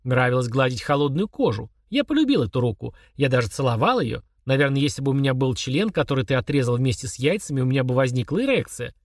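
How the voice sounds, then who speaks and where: A man voicing a calm, mocking young man who chats casually while confessing murder to his father. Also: mid-range voice, quick pace, hardly any pauses, no room sound, clean studio sound. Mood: coolly sneering. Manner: chummy, sneering, confessional tone.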